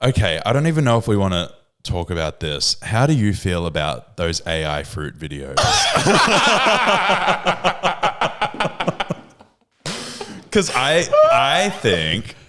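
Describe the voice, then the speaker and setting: A young man co-hosting a comedy podcast, telling stories in animated casual chat and acting out what others said. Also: lowish voice, takes it slowly, pauses often. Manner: animated storytelling, acts out quotes. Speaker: podcast co-host.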